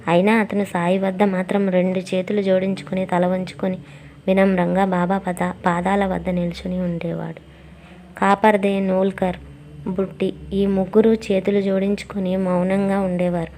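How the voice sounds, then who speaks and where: A woman narrating a devotional story in a calm, steady reading manner. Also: medium pitch, moderate pace, a little hiss or hum.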